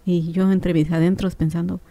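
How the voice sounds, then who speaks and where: A woman's voice: lowish voice, normal speed, no room sound. A woman who is a radio guest, telling a personal story and acting out the dialogue. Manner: animated storyteller, acts out dialogue.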